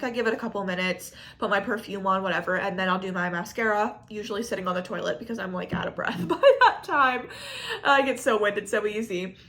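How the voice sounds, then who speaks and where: A woman's voice: mid-range voice, a bit bright. A pregnant young woman talking casually and frankly to camera, rambling with lots of fillers as she reviews used-up makeup. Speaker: beauty vlogger. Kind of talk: casual chatty product review.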